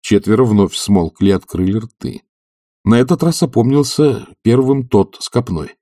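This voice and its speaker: A man reading a story aloud as an audiobook narrator, in a measured storytelling way. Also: on the low side, mellow, no echo, studio quality. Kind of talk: scripted narration.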